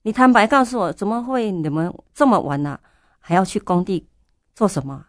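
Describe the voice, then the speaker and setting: A woman's voice: medium pitch, lively intonation, moderate pace, dry recording, clean studio sound. An older woman, a church elder, telling her story in an interview and fervently repeating her prayers aloud. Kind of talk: testimony interview.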